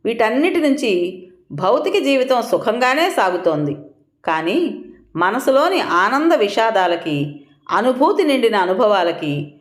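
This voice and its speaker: Woman narrator, audio story, expressive, lively pitch, echoey room. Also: measured pace. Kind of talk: scripted narration of a family drama story. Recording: roomy echo.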